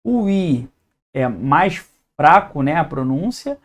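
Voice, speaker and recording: A male teacher with a Brazilian Portuguese accent, his voice sitting a little high for a man. He walks through an exam-prep lesson at a whiteboard, step by step. He keeps checking that his students are following. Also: big pitch swings, takes it slowly. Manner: explains step by step, checks in with "tá?" and "beleza?".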